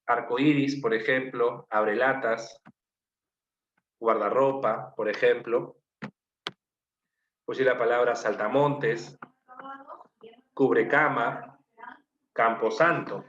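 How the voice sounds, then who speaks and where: A man's voice: medium pitch, fairly even intonation, slow pace, pauses often, fairly bright tone. A man with a Peruvian Spanish accent teaching a grammar class, asking students questions and listing examples. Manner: asks the class questions, repeats answers, lists examples. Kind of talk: online class lecture. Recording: muffled, echoey room, faint noise.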